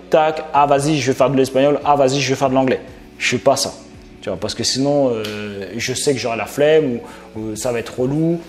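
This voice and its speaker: A man's voice: medium pitch, a little mellow. A young man talking casually to his viewers, chatty and informal, with frequent fillers, restarts and asides. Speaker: entrepreneur vlogger. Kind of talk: casual spontaneous talk to camera.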